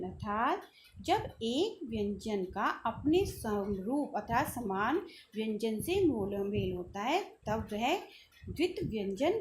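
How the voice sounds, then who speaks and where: A woman teacher with a high voice takes a lesson slowly and patiently. She poses questions to the class and answers them herself. A faint hiss sits under her voice. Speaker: school teacher. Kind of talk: Hindi grammar lesson.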